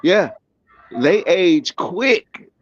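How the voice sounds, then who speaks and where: A man's voice: sits high, expressive, extremely slow, no echo, highs cut off. A man in casual sports chat, talking emphatically and repeating himself for effect, on a remote call mic.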